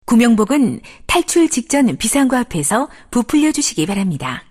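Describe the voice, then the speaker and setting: High-pitched woman, plane cabin announcement, formal and polite, lilting intonation. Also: sing-song, normal speed, a little mellow, breathy edge. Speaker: flight attendant announcer.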